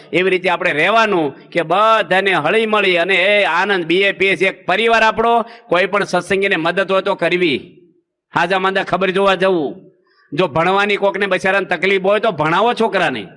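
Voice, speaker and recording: Man, humorous sermon, folksy, high-pitched voice. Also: bright, forceful tone. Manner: folksy, acts out village anecdotes with quoted voices. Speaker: Swaminarayan monk preacher.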